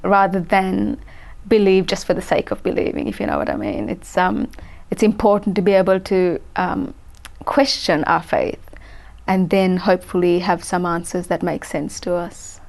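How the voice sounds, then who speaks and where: A woman in her forties with a gravelly edge to her voice, answering interview questions. She speaks thoughtfully and pauses often with ums, reworking her sentences as she goes. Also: fairly low pitch, darkish tone. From Sri Lanka. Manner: thoughtful, many ums and restarts. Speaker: guest. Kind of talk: interview conversation.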